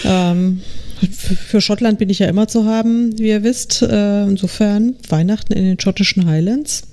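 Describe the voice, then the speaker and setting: Woman, casual podcast chat, hesitant fillers, mid pitch. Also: moderate pace, warm tone. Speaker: podcast co-host.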